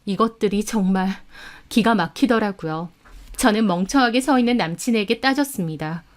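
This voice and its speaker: A woman's voice: mid-range voice, normal speed. Woman narrating a dramatic story. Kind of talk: first-person story narration.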